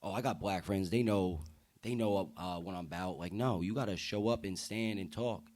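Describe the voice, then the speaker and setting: Casual and full of slang, a deep-voiced young American man speaks earnestly and emphatically as a guest on a podcast. His pace is moderate and his voice a little mellow.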